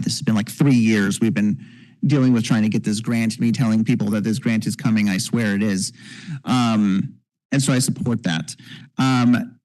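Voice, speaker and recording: A man's voice: medium pitch, darkish tone, poor audio. A man on a city council talking through budget points in a casual way, with lots of fillers and sarcastic asides, at a desk microphone in a council chamber. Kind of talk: council meeting discussion.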